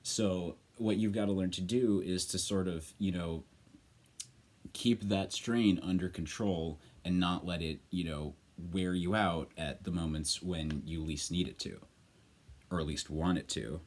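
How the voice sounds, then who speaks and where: Low-voiced man giving a casual tutorial. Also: steady tone, a little slow, a little mellow. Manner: informal, rambling, emphatic with occasional swearing. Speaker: vocal coach, screamer.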